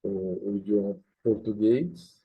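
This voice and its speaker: A Brazilian man, a pastor, speaks in a low, gravelly voice with a heavy husky edge. He talks casually and explains things at an easy pace, tagging many sentences with "né?". The recording is thin and tinny, like a phone line. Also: steady tone. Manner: explains slowly with many "né?" tags. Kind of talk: casual talk to camera. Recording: tinny lo-fi sound.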